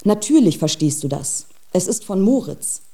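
A woman's voice: mid-range voice, very animated, moderate pace, dark tone. A woman playing a brooding adult woman scientist in a radio drama, speaking in a pensive, philosophical monologue.

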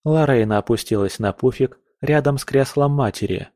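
A man reads a novel aloud in a calm, even narration. His pitch sits in the middle. The recording is dry and close. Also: moderate pace, no echo. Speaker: audiobook narrator. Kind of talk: scripted narration.

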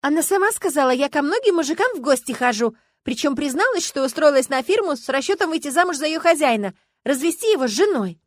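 In an audiobook, a woman reads as a jealous, sharp-tongued wife, snapping in a high, lively voice. Dry, close sound. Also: fast, no echo. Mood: jealous, snappy. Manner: snappy, scornful. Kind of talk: audiobook character reading.

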